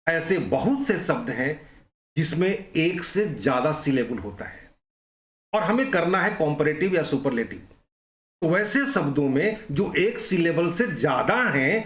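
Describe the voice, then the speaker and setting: A man's voice: high voice, echoey room. A man teaching an online grammar lesson, explaining rules step by step and repeating the key points.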